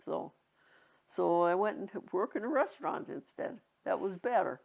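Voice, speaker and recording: A very old woman in her nineties reminiscing casually, halting and rambling, with a creaky aged voice. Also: medium pitch, expressive. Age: 90s. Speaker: interviewee. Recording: dull lo-fi home recording.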